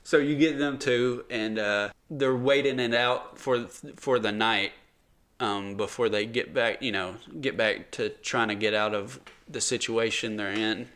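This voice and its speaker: A man's voice: on the low side, fairly even intonation, a little slow, a bit bright. Guy cohosting a movie review podcast, kinda rambly, trails off, laughs a bunch. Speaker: podcast co-host. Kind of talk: casual movie review chat.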